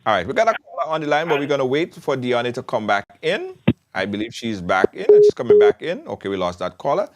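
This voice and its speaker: A man's voice: mid-range voice, huge pitch swings, quick pace. A man hosting a live call-in show, urging viewers to phone in and taking callers.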